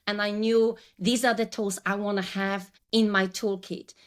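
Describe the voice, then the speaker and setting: Speaking at a normal speed in a mid-range voice with flat delivery, a Polish woman in her forties is interviewed on a podcast. As a branding coach, she reflects on her career path, her Polish accent evident, and often restarts her sentences.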